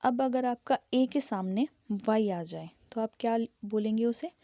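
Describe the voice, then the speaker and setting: A woman's voice: on the high side, unhurried, warm tone, no echo, studio quality. A woman teaching English pronunciation, patiently spelling words out letter by letter and repeating them. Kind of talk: slow explanatory grammar lesson.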